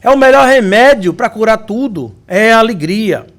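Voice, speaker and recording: Brazilian Portuguese man, high voice, spiritist lecturer telling funny anecdotes. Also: animated, moderate pace, a bit bright. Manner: anecdotal, good-humored storytelling. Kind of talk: humorous religious lecture. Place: lecture hall.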